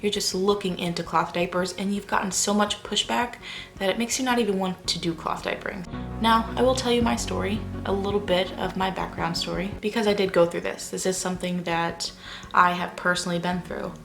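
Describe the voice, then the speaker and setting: Speaking a little fast in a medium-pitched, steady, gravelly and slightly bright voice, this young parenting vlogger rambles casually to camera with faint music behind her. It's late at night and she keeps her voice low while her family sleeps at home.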